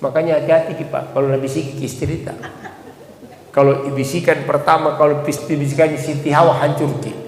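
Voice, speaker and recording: A man's voice: on the high side, level tone, fairly quick, slight background noise. A man in his late fifties with a Bugis accent, giving a humorous sermon and acting out the people in his stories. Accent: Bugis-accented Indonesian. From South Sulawesi, Indonesia. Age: 50s. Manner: jokey storyteller acting out quoted voices. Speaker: preacher. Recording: roomy hall with long reverb.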